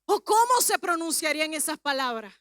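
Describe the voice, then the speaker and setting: A woman preacher giving a Pentecostal sermon, teaching calmly, then rising to shouted fervor. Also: sits high, normal speed, no echo, clean studio sound.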